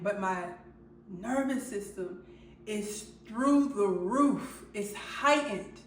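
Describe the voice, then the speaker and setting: A woman vlogger telling a personal story in a halting way, with many fillers and restarts. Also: mid-range voice, slight background noise. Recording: roomy sound from a distant mic.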